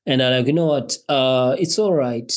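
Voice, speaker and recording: His pitch sits in the medium range. He's a Zimbabwean podcast guest whose personal story comes out haltingly, with repeated words and laughter between phrases.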